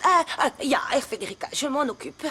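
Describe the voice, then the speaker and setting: An actress playing a timid German housekeeper who stammers, speaking French with a German accent in a TV dub. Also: female voice, sits high, a little fast, fairly bright tone, a little hiss or hum. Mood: flustered. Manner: hesitant, stammering.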